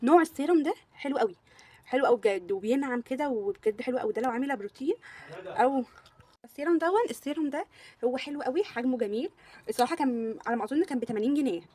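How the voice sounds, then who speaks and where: A woman's voice: sits high, animated, rapid-fire, mellow. A young woman with an Egyptian Arabic accent, gushing through a casual beauty product review and repeating words for emphasis. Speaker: beauty vlogger.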